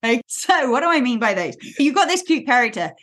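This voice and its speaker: Lively, breathy-voiced woman podcaster. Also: fairly high pitch, a little fast. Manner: lively, playful, laughs easily. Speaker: podcast host and coach. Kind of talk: solo podcast talk.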